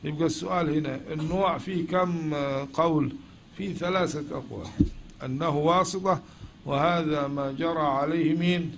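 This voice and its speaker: In a classroom lecture, a man with an Egyptian accent teaches logic, frequently asking questions he then answers. His voice is a little high and creaky, with fairly even intonation at a fairly quick speed, against a noisy background.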